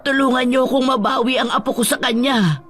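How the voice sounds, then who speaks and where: A man's voice: very high voice, steady tone, brisk, a bit bright, slight background noise, voice pushed up. A man voicing a frantic elderly grandmother who stammers and pleads through tears. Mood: desperate. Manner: panicked, stammering, crying pleas.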